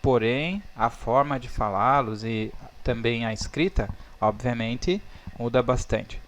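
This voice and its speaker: A man's voice: mid-range voice, slow pace, a bit bright. A Brazilian man, a native Portuguese speaker, teaching English numbers in a patient, explaining way over slides. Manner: patient, checks in with "tá?" and "ó".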